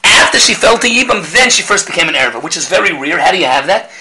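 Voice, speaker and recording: Man, religious text lecturer, high pitch, piercingly bright tone, animated, step-by-step explanation. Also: quick pace, low-quality recording. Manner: animated, asks and answers rhetorical questions. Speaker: Talmud teacher.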